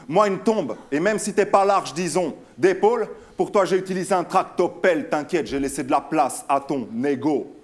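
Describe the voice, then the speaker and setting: A man's voice: on the high side, normal speed. A young man rapping mocking battle verses a cappella at an opponent. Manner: mocking, sneering delivery. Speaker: battle rapper.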